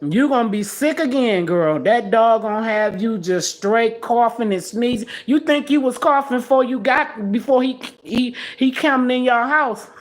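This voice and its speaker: A woman in her sixties hosting a casual livestream, talking bluntly and scolding with animated trash talk. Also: fairly high pitch, normal speed, hardly any pauses. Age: 60s. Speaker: livestream host.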